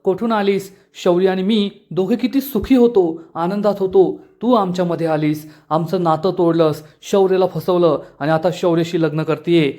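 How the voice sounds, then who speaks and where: A man reading out the lines of a distraught young woman obsessed with her lost love, in shrill, frantic outbursts. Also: brisk, few pauses, darkish tone, lightly acted. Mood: frantic anger.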